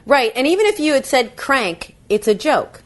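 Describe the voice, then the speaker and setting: A woman's voice: sits high, big pitch swings, moderate pace. A woman co-hosting a show in casual comic banter, with a wry, mocking way of talking.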